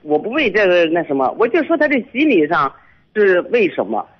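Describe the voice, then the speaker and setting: A woman's voice: lowish voice, very animated, fairly quick. Older woman rambling on a phone line. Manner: rambling, repetitive, restarts often. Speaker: caller. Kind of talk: phone-in storytelling. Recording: dull phone line on radio.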